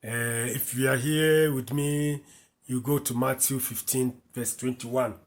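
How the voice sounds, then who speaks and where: A man from West Africa teaches from the Bible, reading verses aloud, then explaining them and repeating key lines. His mid-range voice stays steady and unhurried through the slow, repetitive commentary.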